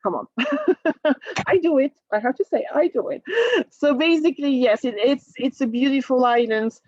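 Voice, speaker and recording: A woman's voice: sits high, lively intonation, normal speed, darkish tone, no room sound, dull audio. A woman with a French accent, a native French speaker from France, chatting through a cruise presentation, laughing often and restarting her words. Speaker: travel agent presenting a cruise. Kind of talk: casual presentation to a group.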